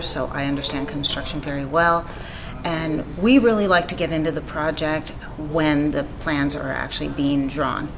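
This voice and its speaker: A woman who owns a design studio gives a fluent, confident introduction in a very low voice. Clear background noise sits under her speech. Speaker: interior design studio owner. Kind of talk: panel self-introduction.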